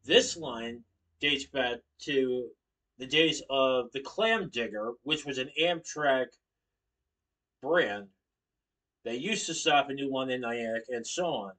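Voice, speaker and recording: A young man from Connecticut, USA, delivers an informative class speech from his living room, standing and gesturing and now and then correcting himself. His mid-range voice has a sharp tone, and he takes it slowly. A webcam across the room picks him up, so he sounds distant.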